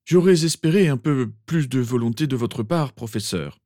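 A man voicing an anxious, insistent young male wizard with a hoarse voice. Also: fairly high pitch, big pitch swings, moderate pace, dark tone, no echo, clean studio sound, voice pushed up.

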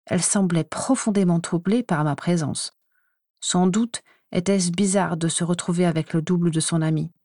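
A woman reading a first-person story aloud in an even, measured way. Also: on the low side, no room sound, studio quality. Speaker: audiobook reader.

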